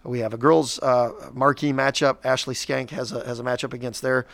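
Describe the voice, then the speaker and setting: A man's voice: mid-range voice, little pitch movement, brisk, vocal fry, a bit bright, no echo. A man in his forties co-hosting a local school podcast, talking casually and rambling, with frequent restarts. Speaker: school district podcast co-host. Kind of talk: casual chat.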